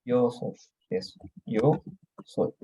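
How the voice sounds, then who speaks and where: A man's voice: very slow, mellow. A man teaching an online Bible class, who explains patiently and keeps checking in with his students.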